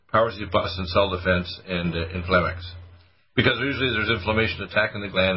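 Fast-talking man giving supplement advice. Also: deep voice, husky, highs cut off. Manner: hesitant, many restarts and fillers. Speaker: show host recommending supplements. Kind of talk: casual on-air advice.

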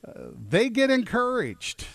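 A man co-hosting a morning radio show, telling short stories in a slow, measured way. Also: very high voice, sing-song, fairly bright tone, no room sound.

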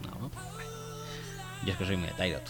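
A man's voice: low-pitched, fairly even intonation, soft background music. Bantering man on football podcast. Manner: bantering, quick protesting, half-mumbled asides. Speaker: podcast co-host. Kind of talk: casual sports chat.

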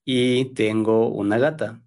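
Slow-speaking man in his thirties from Ecuador. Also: lowish voice, steady tone, a little mellow. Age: 30s. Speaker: Spanish teacher, interview guest. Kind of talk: slow, careful conversation for learners.

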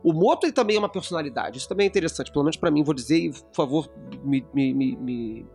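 A man's voice: on the high side, lively intonation, fast talker, gravelly, a little mellow, soft background music. A man co-hosting a casual podcast discussion, explaining at length with frequent restarts. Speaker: podcast co-host.

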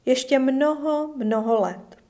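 A woman voicing a gentle old grandfather in a storybook reading, speaking softly and reassuringly. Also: sits high, close to an everyday voice. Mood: tender. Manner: soft, loving, reassuring.

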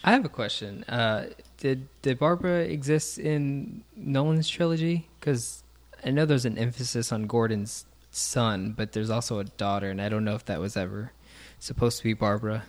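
A man's voice: medium pitch, normal speed, hardly any pauses. A man co-hosting a podcast in casual chat, rambling with many fillers and restarts. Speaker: podcast co-host.

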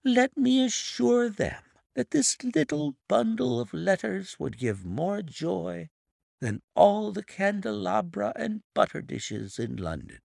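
A man's voice: high-pitched, animated, slow, gravelly, darkish tone, no echo, clean studio sound, pitched above the performer's own voice, exaggerated voice. A man voicing a smug, middle-aged male blackmailer with an oily, mock-sympathetic manner in an audiobook reading.

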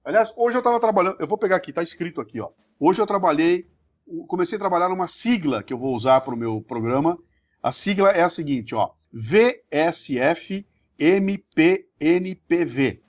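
A middle-aged man with a Brazilian Portuguese accent, a podcast creator telling his story in a casual, slangy, animated interview. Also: on the high side, fairly quick.

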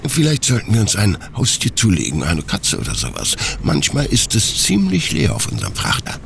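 A pessimistic first mate who delivers everything with a dry, sardonic edge, as the reader voices him. The male voice moves through lively turns of pitch. He belongs to an audiobook space adventure. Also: moderate pace, gravelly, slight background noise, exaggerated voice.

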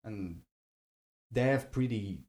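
A man's voice: lowish voice, slow pace, dark tone. A young man, explaining things in casual second-language English as an interview guest.

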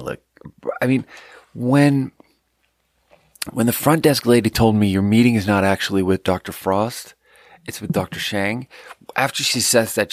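A Swedish man hosting a podcast tells a rambling, profane story in casual chat, laughing at his own jokes. His voice is lowish, and the studio sound is clean and dry.

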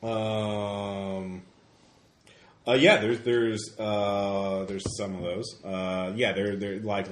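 A man's voice: deep voice, echoey room. A man running a tabletop game as game master, talking loosely with restarts and laughs. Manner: loose, stumbling, laughs often.

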